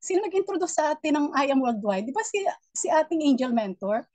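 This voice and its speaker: Loud-voiced motivational woman trainer. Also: high voice, big pitch swings, fairly quick, dry recording. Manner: loud voice, warm and preachy, mixing English in. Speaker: network marketing mentor.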